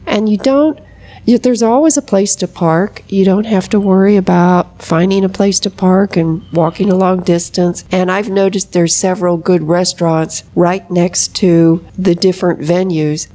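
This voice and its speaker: Mellow American woman, casual co-host. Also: lowish voice, normal speed. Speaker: podcast co-host. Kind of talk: casual chat.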